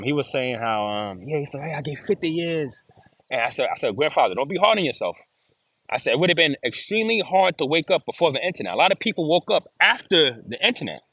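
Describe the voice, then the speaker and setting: A man's voice: mid-range voice, animated, fast talker, a bit bright, no echo. A man talking as an interview guest in casual chat, earnest and given to repeating and restarting his phrases. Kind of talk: casual video-call chat.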